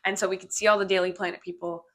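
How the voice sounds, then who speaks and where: A woman's voice: mid-range voice, level tone, very fast, fairly bright tone. A woman hosting a casual podcast, rambling with lots of fillers as she chats about movies. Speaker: podcast host. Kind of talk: casual chat.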